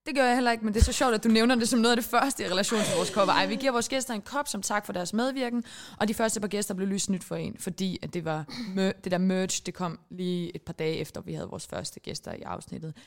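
A woman in her twenties from Denmark, Icelandic by first language, co-hosting a podcast in a rambling, giggly, self-mocking chat. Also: mid-range voice. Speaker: podcast co-host. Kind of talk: casual chat.

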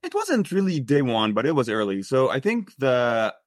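Appearing as a guest researcher in a relaxed podcast interview, this Egyptian man in his thirties talks at a moderate pace in a mid-range voice with big pitch swings. He hesitates constantly, leaning on "uh" and "like" and restarting sentences, in a dry, clean studio recording.

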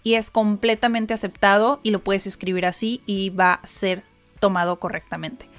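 A woman hosting an English lesson podcast in a casual reaction format, chatty and quick to laugh, repeating words aloud for practice. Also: mid-range voice, fairly even intonation, faint music behind. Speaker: English teacher and podcast host.

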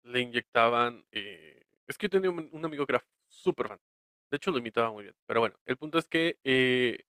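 A man's voice: medium pitch, animated, fairly quick, bright, forceful tone, clean tone, no echo, studio quality. A man with a Mexican accent co-hosting a podcast, chatting casually, laughing often and trailing off mid-thought. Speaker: podcast co-host. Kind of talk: casual chat.

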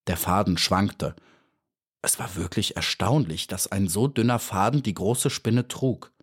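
A man narrating an audiobook of a children's story in a calm, measured storytelling manner. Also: on the low side, breathy edge.

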